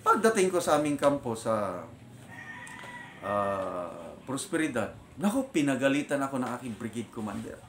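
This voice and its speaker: An older man from the Philippines with a Filipino accent, a retired officer telling his faith story as a vlogger in animated storytelling that switches between Tagalog and English. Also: mid-range voice, moderate pace, a little hiss or hum. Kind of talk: casual spoken testimony. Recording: roomy echo.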